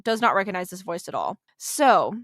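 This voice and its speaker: A woman's voice: lowish voice, sing-song, moderate pace, a bit bright, dry recording, studio quality. A woman hosting a podcast, telling a true-crime story in a chatty way, swearing freely and dropping in jokes and asides. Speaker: podcast host.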